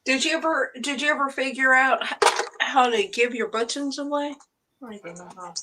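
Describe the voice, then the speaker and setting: A woman's voice: high voice, normal speed, very noisy. A woman co-hosting a casual sewing livestream, asking chatty questions from a little away from the mic. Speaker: livestream co-host.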